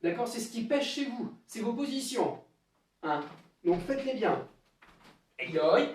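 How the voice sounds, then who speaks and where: A karate instructor teaches a children's class, calling counts in Japanese and guiding each move step by step during a live online session. His very high-pitched, very animated voice has a darkish tone at normal speed. A camera across the room picks him up from far off in a very echoey space, with a little hiss or hum.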